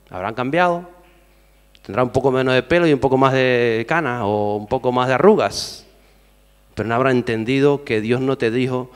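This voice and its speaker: A man preaching a sermon. He swings loud exhortation to low, quiet asides and keeps asking the congregation questions. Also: long reverb tail. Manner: addresses the congregation with repeated questions. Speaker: pastor.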